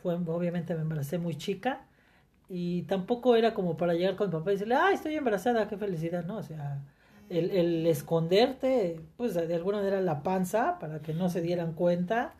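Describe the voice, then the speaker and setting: A woman's voice: lowish voice, mellow. A middle-aged woman, reflecting candidly in conversation, often restarting her sentences. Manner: reflective, speaks in halting restarts. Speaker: guest sharing her story.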